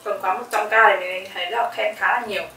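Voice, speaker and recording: A woman's voice: mid-range voice, steady tone, fast, gravelly, a little hiss or hum. A woman reviewing food for viewers, talking while chewing. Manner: chatty, addresses viewers directly. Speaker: food vlogger. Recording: echoey room, mic at a distance, soft music behind.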